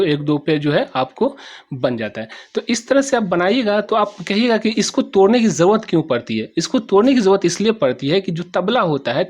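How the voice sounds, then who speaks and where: A man with a Bihari accent teaches in a plain classroom style, with a voice sitting a little high for a man. He repeats each point and keeps checking that his students have followed along. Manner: repetitive, checks understanding often. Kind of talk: classroom explanation.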